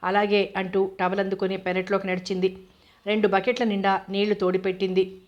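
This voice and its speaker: A woman narrating a novel in a steady, even reading voice. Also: medium pitch, a little fast, dull audio.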